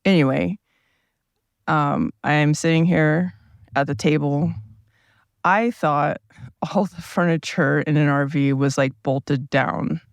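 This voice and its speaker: Gravelly man with groggy morning voice. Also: a little high, takes it slowly, pauses often, no room sound. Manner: meandering, relaxed, thinking aloud with many asides. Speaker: podcast host. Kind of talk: casual rambling solo podcast. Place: seated at a table inside a parked RV. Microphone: small mic powered by a tablet.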